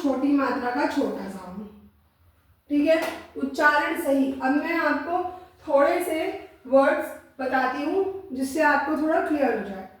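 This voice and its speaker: High-voiced woman teaching in an echoey room. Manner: patient, repeats sounds slowly and checks in often. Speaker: Hindi teacher. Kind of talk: classroom-style explanation. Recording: roomy echo, voice from a distance.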